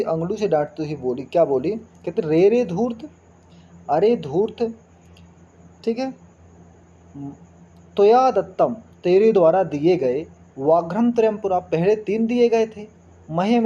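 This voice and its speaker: In this Sanskrit lesson, a male teacher with a high, warm voice reads each verse slowly before breaking it down word by word, asking rhetorical questions along the way. It's a line-by-line explanation of the text, captured in dull audio with slight hiss or hum.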